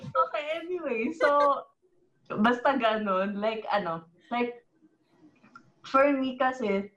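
A woman's voice: on the high side, expressive, takes it slowly. A young woman from the Philippines with a Filipino accent, chatting reflectively on a podcast with many fillers. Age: young adult. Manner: reflective, switching between English and Tagalog with many fillers. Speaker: former student organization president. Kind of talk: casual podcast chat. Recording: slightly dull lo-fi audio.

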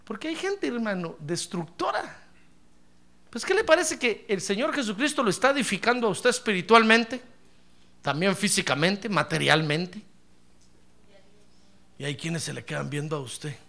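A middle-aged man preaching a sermon as pastor, telling stories and calling his listener brother, swinging from hushed asides to loud praise. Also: high-pitched, moderate pace, gravelly, pauses often. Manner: animated storytelling, addresses listener as brother, swings from hushed to shouting. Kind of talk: sermon with anecdotes.

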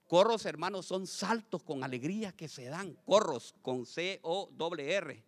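A man preaching a lively sermon to his congregation as pastor, swinging from loud calls to quiet asides and asking the crowd questions. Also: on the high side, measured pace. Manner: addresses congregation as brothers, asks questions.

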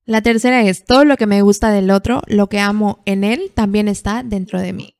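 A woman's voice: mid-range voice, fairly even intonation, moderate pace, darkish tone. Attentive woman podcast host. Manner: attentive, brief affirmations, curious questions. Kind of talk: podcast conversation.

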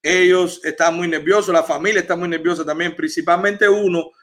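A man's voice: a little high, steady tone, a little fast, a bit bright. A man from Cuba hosting a livestream, giving the viewers an earnest update. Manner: earnest, informative, frequent "eh" fillers. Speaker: livestream host.

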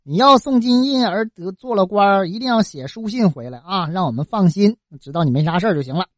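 A woman's voice: mid-range voice, animated, brisk, dry recording, close to an everyday voice. A woman voicing a kindly old father in a folk tale who talks in a homely, reassuring way. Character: kindly old father settling a family matter.

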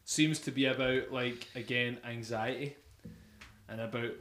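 Unhurried and fairly even in intonation, a young man chats casually about music on his podcast, rambling eagerly with plenty of fillers. His mid-range voice is fairly bright, and the echoey room adds slight background noise.

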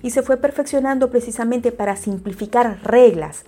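A woman teaching spelling rules, talking straight to her listeners and often pausing with fillers and restarts. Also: a little high, mellow. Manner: hesitant, many fillers and restarts; addresses listeners directly. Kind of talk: explaining spelling rules to viewers.

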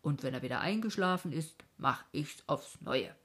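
A cruel bad dream spirit gloats over its nightly torment in a low, breathy voice, as a woman reads it aloud. It is a storybook villain told in a soft, husky register. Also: animated, moderate pace, full character voice. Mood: gloating.

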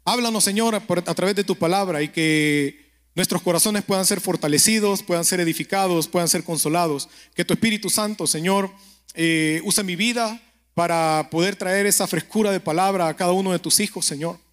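Man, fairly high voice, conversational sermon, keeps checking in with the listener, storytelling preacher. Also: brisk, a bit bright. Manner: keeps asking the listener "¿verdad?"; speaks directly to the listener, telling stories.

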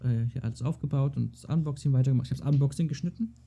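A man's voice: medium pitch, very fast, creaky, dark tone, slightly rough. A man who makes videos, chatting casually over a call at a desk mic, giving dry, offhand replies and fussing over his sound. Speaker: YouTuber. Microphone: desk mic at a computer.

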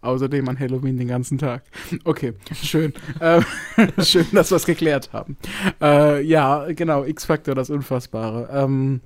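Guy hosting a podcast, mid pitched voice, loose jokey chat, easily amused. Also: a little slow, hardly any pauses, dry recording. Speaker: podcast host. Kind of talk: casual chat.

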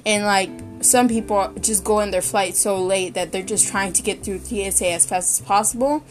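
A woman's voice: mid-range voice, normal speed, soft background music. A young woman telling a work story in a casual, chatty, exasperated way, full of fillers.

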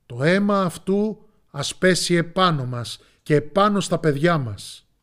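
Angry mob yelling, drawn out and loud, done by the male narrator. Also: fairly high pitch, lively intonation, pitched above the performer's own voice. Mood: shouting. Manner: shouted, drawn-out. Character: shouting angry crowd of townspeople.

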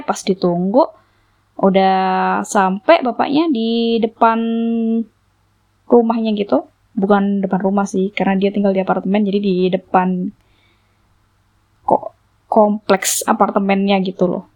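A woman's voice: mid-range voice, darkish tone, highs cut off. A young woman vlogger telling a personal story in a casual, chatty way, full of fillers and little laughs.

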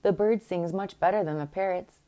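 A woman's voice: lowish voice, moderate pace, mellow, close to an everyday voice. A woman reading as a grumbling old storybook king. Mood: wry. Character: fussy elderly king, mildly weary.

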